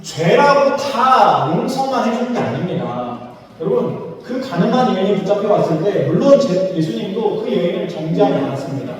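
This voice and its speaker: A man's voice: sits high, sing-song, normal speed, a crowd in the background. A man preaching a sermon as pastor, speaking conversationally and acting out quoted dialogue. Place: church sanctuary. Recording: echoey church hall, mic from far off.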